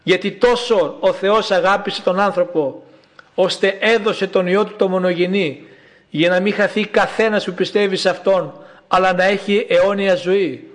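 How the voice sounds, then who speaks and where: A man preaching a sermon in a slow, emphatic way, repeating his calls. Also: high voice, steady tone.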